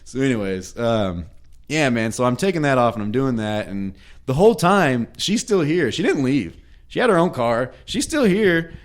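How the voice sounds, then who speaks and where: A man's voice: mid-range voice, sing-song, normal speed. A man co-hosting a podcast, telling a crude story in a casual, profane way, laughing often and acting out quoted dialogue. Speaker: podcast co-host.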